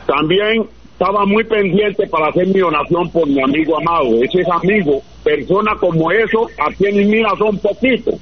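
A man's voice: a little high, breathy edge. A man calling in to a radio show, talking earnestly and at length about local complaints over a muffled line. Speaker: radio caller. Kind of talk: phone-in chat. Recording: muffled line with faint noise.

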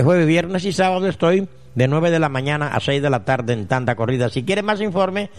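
A man who reads listeners' letters on air and answers them with solemn, earnest mystical advice. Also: on the high side. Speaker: radio spiritual advisor answering letters. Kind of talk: radio call-in letter reading and advice.

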